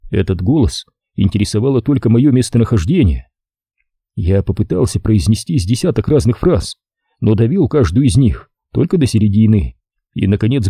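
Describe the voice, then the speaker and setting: Male audiobook narrator, wry measured telling, very dark husky tone, lively pitch, dry close mic. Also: dry recording. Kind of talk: first-person audiobook narration.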